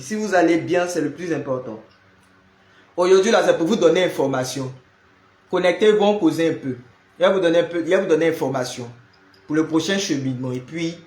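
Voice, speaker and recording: A man hosts a live stream from home, chatting loosely and greeting each viewer by name. His voice sits fairly high for a man. The room around him rings with a noticeable echo. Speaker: live-stream prayer host. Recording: roomy echo.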